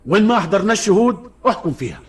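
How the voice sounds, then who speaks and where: An Egyptian actor playing a defense lawyer who pleads deferentially with the judge. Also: male voice, high-pitched, big pitch swings, racing, noisy background. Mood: pleading. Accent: Egyptian Arabic. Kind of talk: film drama acting.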